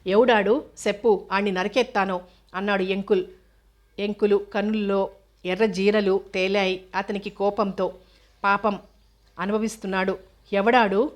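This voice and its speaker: A woman voicing a blunt, protective young village man who talks in gruff rural dialect, in a storybook reading. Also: medium pitch, flat delivery, moderate pace, pauses often, lightly acted. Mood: angry.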